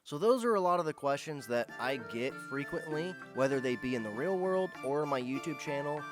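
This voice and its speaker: A man from Indiana in the United States hosts a foraging and herbal channel, answering viewer questions in a casual vlog. His medium-pitched voice is expressive and earnest yet easygoing, at a normal speed over music.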